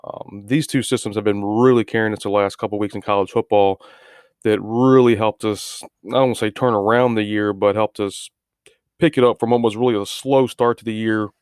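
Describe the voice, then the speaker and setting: A man with a fairly low, clean voice gives an informal solo recap as a podcast host. He often repeats words and restarts his phrases, pausing on filler words. The sound is close and dry. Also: fairly even intonation, darkish tone, clean tone, no echo. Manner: halting, frequent filler words. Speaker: sports betting podcast host.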